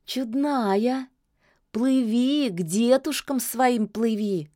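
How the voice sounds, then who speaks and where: A woman voicing a gentle, cautious young maiden in a fairy tale, soft-spoken and wondering. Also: on the high side, drawn-out words, no room sound, studio quality, voice pushed up.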